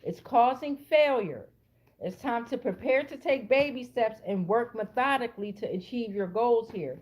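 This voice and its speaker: Her voice is fairly high and a little mellow, at normal speed. This American channel host and tarot reader gives an off-the-cuff reading online in a blunt, streetwise style, dropping plenty of swear words and repeating phrases for emphasis.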